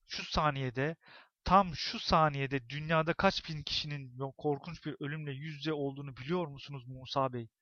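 A man's voice: a little high, moderate pace, no echo, lo-fi sound. A man voicing a grim, unhinged middle-aged woman neighbor in a spoken story, with theatrical, ominous delivery. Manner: theatrical, ominous, rising to shouts.

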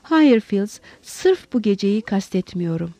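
Woman doing middle-aged man, defensive, emotional, mellow tone, dry sound. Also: medium pitch, sing-song, slow pace, no room sound, exaggerated voice. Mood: weary.

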